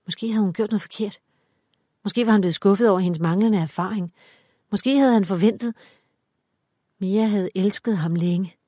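Woman with a dark, mellow voice reading a dark story. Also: medium pitch, breathy edge, no room sound, studio quality. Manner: measured, dramatic reading. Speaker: audiobook narrator. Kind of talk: scripted audiobook narration.

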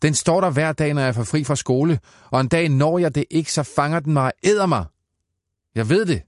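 A man's voice: fairly low pitch, expressive, a little mellow, no room sound, studio quality, voice pushed up, natural voice. A man reading aloud and voicing a sulky, anxious schoolboy who mumbles and then insists. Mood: insistent. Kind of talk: audiobook character voice.

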